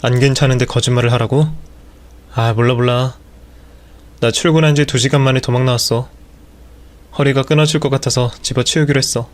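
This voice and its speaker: A man's voice: mid-range voice, fairly even intonation, brisk, pauses often, lightly acted. A man voicing a lazy, excuse-making unemployed husband. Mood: sulky.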